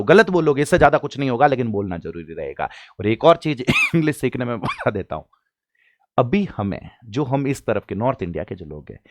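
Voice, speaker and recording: A man's voice: mid-range voice, dry recording, studio quality. A young man teaching an English class for exam prep, acting out his students' questions and then answering them himself.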